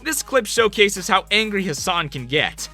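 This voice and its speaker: A man's voice: high voice, big pitch swings, normal speed, sharp tone, faint music behind. A man reading scripted countdown narration for a video compilation in an upbeat delivery.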